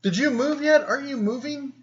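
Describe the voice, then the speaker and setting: A man's voice: very high voice, brisk, muffled recording. A man hosting a casual live stream, reading and answering viewer comments in a rambling, easygoing way. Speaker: host.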